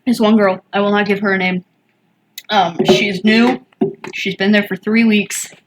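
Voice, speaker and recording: A woman's voice: medium pitch, fairly even intonation, a little slow, background noise. A woman co-hosting a casual podcast chat, telling stories and acting out what people said. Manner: storytelling, acts out quoted dialogue. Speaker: podcast co-host.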